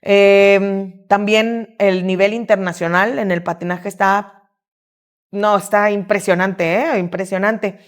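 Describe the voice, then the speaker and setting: A woman's voice: medium pitch, slow pace. A woman, a gymnastics coach and sports mother, telling stories in a casual interview and acting out what she and her son said. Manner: lively, quotes herself and her son.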